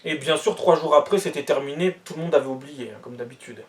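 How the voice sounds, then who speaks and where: Heated, high-voiced man ranting. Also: quick pace, distant mic. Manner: heated, blunt and repetitive. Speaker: commentator reacting to news. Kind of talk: ranting monologue and news reading.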